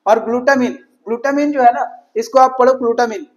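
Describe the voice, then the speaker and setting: A man's voice: extremely high pitch, fairly even intonation, unhurried, dull audio. A man giving an exam-prep lecture, switching between Hindi and English, asking questions and answering them himself. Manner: mixes Hindi and English, repeats "ठीक है" often. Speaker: teacher.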